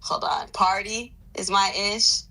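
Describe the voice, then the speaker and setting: A woman's voice: mid-range voice, little pitch movement, unhurried, sharp tone, poor audio. A woman in her thirties, a DJ, chatting casually over a phone on speakerphone, loose and searching for words. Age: 30s. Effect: heard over a phone on speakerphone. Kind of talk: casual chat.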